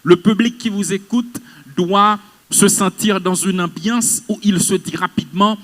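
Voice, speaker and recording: A man's voice: high voice, steady tone, unhurried, fairly bright tone. A man teaches public speaking to a live class, stressing his points and checking that the audience follows. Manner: emphatic, questions the audience. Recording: long hall reverb.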